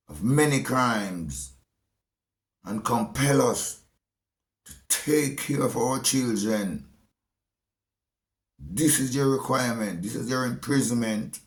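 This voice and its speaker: A man with a Jamaican accent delivering a slow, preachy monologue. He stresses his points and often repeats phrases. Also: mid-range voice, roomy sound. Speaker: speaker giving a monologue.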